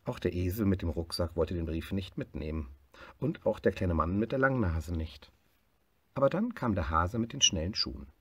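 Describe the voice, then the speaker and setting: A man reading a picture book aloud, lively and expressive. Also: deep voice, normal speed, breathy edge, dry recording. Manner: lively, expressive reading, swelling louder in happy parts. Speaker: storyteller.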